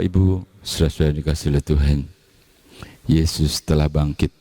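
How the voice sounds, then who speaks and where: A man's voice: a bass voice, warm tone, no echo. A male pastor, preaching in a colloquial, joking, storytelling manner and closing in prayer.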